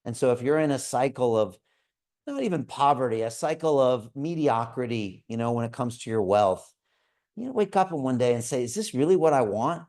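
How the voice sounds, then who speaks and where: Guy hosting a live stream, earnest pep talk, keeps saying right?, average pitch. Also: animated, normal speed, a little mellow. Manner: earnest, repeats "right?" to listeners. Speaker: show host. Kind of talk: motivational livestream talk to viewers.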